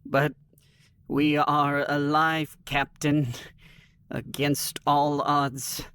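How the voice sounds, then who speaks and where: A man's voice: fairly high pitch, level tone, very slow, a bit bright, clear, resonant tone, full character voice. A man as a weary alien science officer.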